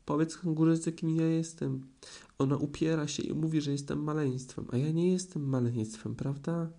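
Man doing a high squeaky piglet, small and nervous, stammering, storybook voice. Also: steady tone, normal speed, mellow, close to an everyday voice. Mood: upset. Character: small timid anxious piglet, shrill and fussy.

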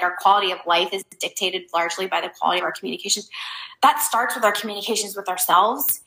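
A woman's voice: medium pitch, bright, forceful tone, reverberant, poor audio. A woman hosting a casual advice talk for her viewers. She rambles loosely, leans hard on fillers like "um" and "like", and makes blunt, emphatic points. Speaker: host giving life advice.

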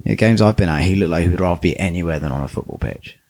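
A man's voice: low-pitched, rapid-fire, darkish tone. A man co-hosting a podcast, chatting casually about football with lots of fillers. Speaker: podcast co-host.

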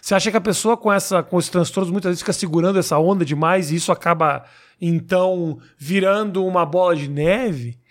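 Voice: medium pitch, brisk. Joking casual interview host. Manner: relaxed, joking, swears casually. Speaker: podcast host.

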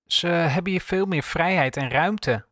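A man voicing an enthusiastic male animal shelter worker being interviewed on TV, speaking softly. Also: a little high, measured pace, no room sound, studio quality, voice pushed up. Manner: soft-spoken, enthusiastic.

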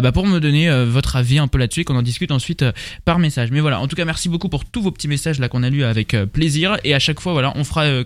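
Young guy hosting a podcast, talks fast with tons of euh and restarts, dry close mic. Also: medium pitch, no room sound. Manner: rambling, many fillers and restarts. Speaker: podcast host. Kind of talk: casual podcast chat.

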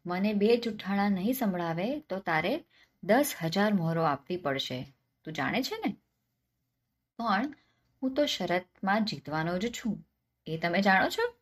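In a somewhat slow, expressive, mid-range voice, a woman plays a clever, penniless young man from a folk tale. He comes across as cheeky and self-assured, answering questions with questions.

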